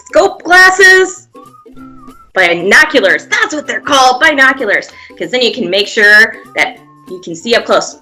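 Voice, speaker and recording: A children's museum presenter leads young kids through a pantomime activity, offering simple, encouraging step-by-step prompts and playful sound effects. Her fairly high voice is bright and forceful.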